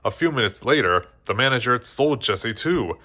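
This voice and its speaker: Reading a storybook aloud as scripted narration, this man has a mid-range voice that's expressive, brisk and sharp. He occasionally trips on a word and rereads the line.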